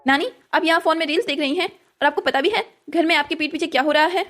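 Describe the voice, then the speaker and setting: A woman's voice: high-pitched, quick pace, a bit bright, faint music behind. A woman voicing an upset teenage son in a cartoon story, urgent and pleading.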